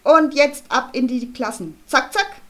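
A woman voicing a loud, bossy male school headmaster who barks commands in a booming voice, in a storybook reading. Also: animated, a little slow. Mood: bellowing.

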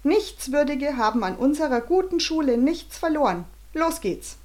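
A woman voicing a smug, strict male school director who gloats through a megaphone in a raised, loud voice. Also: sits high, expressive, moderate pace, pitched above the performer's own voice. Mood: gloating.

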